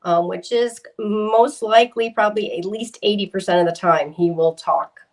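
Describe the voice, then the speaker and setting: Female investigator, middle pitch, easygoing chat with halting restarts. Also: low-quality recording. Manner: hesitant, many fillers and restarts. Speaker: paranormal investigator. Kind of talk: casual chat.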